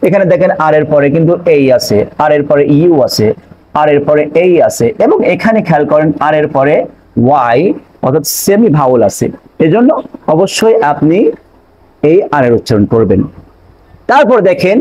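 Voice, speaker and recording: A man teaching English pronunciation in an online lesson, explaining step by step and repeating examples slowly. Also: on the high side, very animated, a little mellow, low-quality recording.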